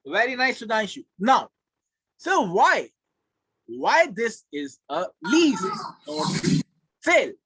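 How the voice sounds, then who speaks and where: A man's voice: very high-pitched, huge pitch swings, slow, pauses often, a bit bright, breathy edge, dry recording. A man with an Indian accent teaching a live online class, emphatic and repeating key phrases. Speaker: law teacher. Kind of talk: live online lecture to students.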